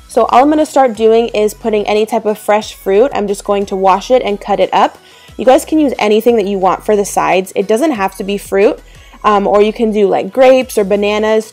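Her medium-pitched voice is a little mellow as this twenty-something lifestyle vlogger chats upbeat and casual to camera, leaning on ums and likes. She's doing a voice-over cooking tutorial, framed waist up in a bedroom backed by a clothes rack.

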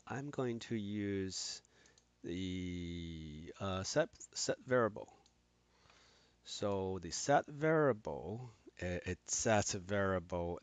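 Deep-voiced man giving a halting tutorial. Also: dry recording. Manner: halting, frequent restarts and fillers. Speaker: instructor. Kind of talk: screen-recorded software tutorial.

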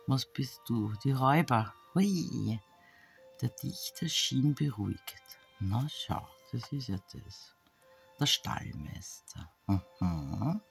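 A woman talks slowly and gravelly, musing to herself as she reads small labels aloud, often dropping to a half-whisper. Faint music plays under her voice. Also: rumbling low, expressive. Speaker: craft vlogger opening an advent calendar. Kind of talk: casual unboxing chat. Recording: soft background music.

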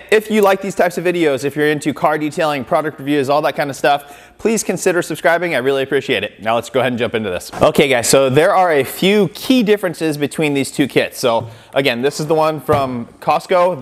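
A man in his thirties hosting a car detailing channel, talking casually through a product comparison with lots of fillers, recorded in a garage workshop on a lapel mic. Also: a little high. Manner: conversational, filler-heavy, demonstrative with hands.

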